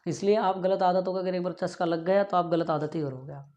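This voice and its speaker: A man's voice: high-pitched, fairly quick, a little mellow. A male physics teacher. He gives a classroom lecture and an earnest, pleading talk to his students, often asking if they follow and saying "yaar". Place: classroom with a board. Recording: dull lo-fi classroom recording.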